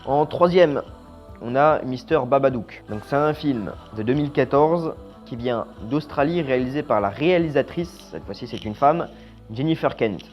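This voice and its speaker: A man giving a casual, opinionated horror film review. He is blunt and slangy, and his voice trails off quietly at the ends of phrases. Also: mid-range voice, expressive, normal speed. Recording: slightly dull lo-fi sound with faint music.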